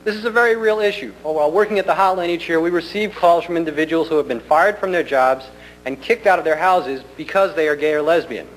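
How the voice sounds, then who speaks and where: A man delivers a prepared public speech at a government meeting in an earnest, deliberate and polite way. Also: fairly high pitch, fairly bright tone. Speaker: community center director addressing a county commission. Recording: noisy hum, 1990 public meeting recording.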